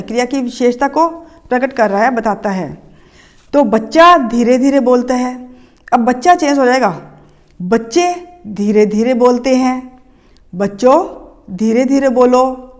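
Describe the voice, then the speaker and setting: A woman teacher works through a grammar lesson slowly, pausing over each example. Her voice sits high, and she drops English terms into the explanation. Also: darkish tone. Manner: slow, patient, explaining step by step with examples; mixes English words into Hindi. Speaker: Hindi teacher.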